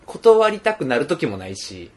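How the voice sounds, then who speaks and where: A man's voice: medium pitch, sing-song, moderate pace, a little mellow. A young man with a Kansai accent co-hosting a casual podcast chat in a laid-back, teasing way. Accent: Kansai Japanese. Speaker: podcast co-host.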